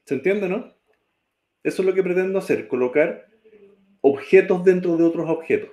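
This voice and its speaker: A man's voice: sits high, moderate pace, warm tone. A man teaching a programming class, typing code as he talks and often checking that students follow. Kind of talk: live-coding class.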